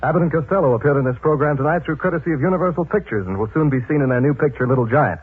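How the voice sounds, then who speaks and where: A man's voice: a little high, animated, racing, husky. An American man reading scripted 1940s radio advertising as a folksy hard-sell announcer. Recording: muffled, narrow-band old radio broadcast.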